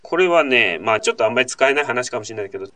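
A man's voice: medium pitch, animated, very fast, pushed and bright. A male host in casual radio-style talk, reading out a listener's letter and then explaining at length in a chatty way, full of asides and tag questions.

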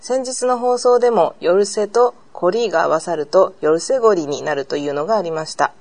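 A woman co-hosting a podcast, reading a listener's letter aloud in an even, careful way. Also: on the low side, a little fast.

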